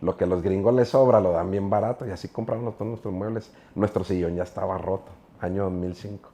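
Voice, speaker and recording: The guest preacher talks fast in a warm, low-pitched voice with fairly even intonation. A middle-aged man with a Mexican accent, he tells stories in a casual interview, rambling earnestly and leaning on filler words.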